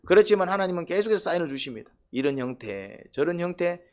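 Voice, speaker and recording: A middle-aged male pastor preaching a sermon, pausing on filler sounds, repeating key points and asking the listeners questions. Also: sits high, sing-song. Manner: repeats points, often says 'eo' filler, asks the congregation questions.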